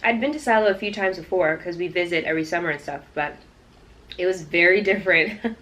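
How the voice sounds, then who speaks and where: A woman's voice: lowish voice, brisk, fairly bright tone. A woman from Canada talking casually and directly to her viewers in a chatty storytime vlog. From Toronto, Canada. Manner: conversational, addressing viewers directly. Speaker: YouTube vlogger.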